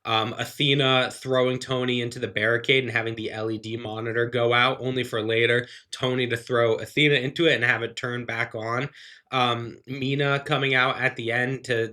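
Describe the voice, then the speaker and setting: A wrestling reviewer and show host talks through his thoughts in loose, earnest run-on sentences, casual and analytical like a spoken review. His medium-pitched voice is bright, forward, steady, and brisk, though slightly phlegmy from allergies.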